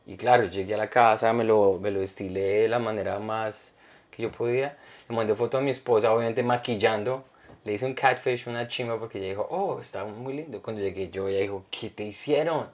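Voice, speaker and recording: This man has a lowish voice and talks fairly quickly. As co-host of a casual comedy podcast, he tells stories animatedly, mimics other people, and reads out fan comments.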